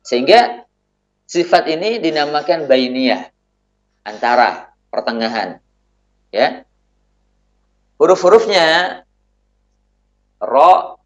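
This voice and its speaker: A man's voice: medium pitch, muffled recording. A man teaching Quran recitation rules, patiently explaining and stretching out example words to demonstrate them, often affirming with a short "ya". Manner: frequent affirming "ya" between points. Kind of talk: tajwid lesson.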